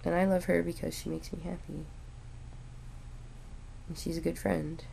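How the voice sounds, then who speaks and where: A young woman rambling in a relaxed, stoned drawl, full of fillers and restarts, talking casually to her camera at home. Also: lowish voice, creaky, slight background noise. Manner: meandering, halting, with frequent fillers and restarts. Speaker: vlogger.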